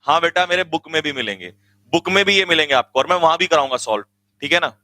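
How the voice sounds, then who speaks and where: A man teaching grammar in an online exam-coaching lecture, energetic, urging his students to hurry and quizzing them with repeated questions. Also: fairly high pitch, fast, no echo.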